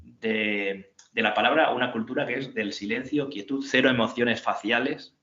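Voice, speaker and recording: A man's voice: medium pitch, normal speed, sharp tone. A man hosting a casual book discussion, rambling with fillers and reading passages aloud. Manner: rambling, reads quotes aloud, many fillers. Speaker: podcast host. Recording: roomy, dull lo-fi sound.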